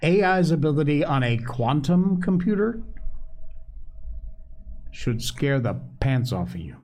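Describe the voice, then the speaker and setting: Guy host doing opinionated news commentary, slightly high voice, slow and emphatic w dramatic pauses. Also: big pitch swings, a little mellow. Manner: emphatic, dramatic pauses, addresses listeners as friends. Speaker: show host.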